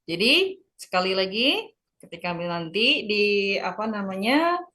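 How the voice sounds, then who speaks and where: A woman's voice: medium pitch, unhurried. A young woman with an Indonesian accent giving a chatty English lesson, mixing Indonesian and English. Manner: switches between Indonesian and English, lively and chatty. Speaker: English teacher. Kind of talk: classroom lecture.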